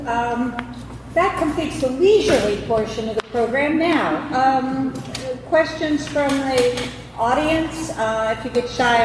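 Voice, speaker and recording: A woman moderates a public forum, her instructions winding along with many fillers. Her voice is fairly high and sounds distant from the mic. The hall echoes heavily under a steady background noise. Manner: meandering, filler-heavy instructions. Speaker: debate moderator.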